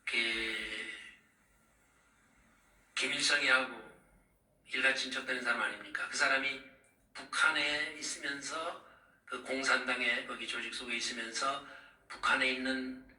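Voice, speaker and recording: A middle-aged male pastor preaching, telling the story of his visions and calling out to the congregation. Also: medium pitch. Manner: animated, calls out to the congregation. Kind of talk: sermon recounting visions. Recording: echoey room, distant mic.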